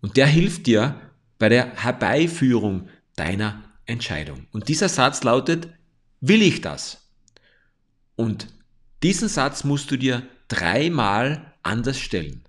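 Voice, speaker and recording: A man giving a motivational coaching talk, speaking directly to the listener in a calm, explanatory way. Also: medium pitch, unhurried.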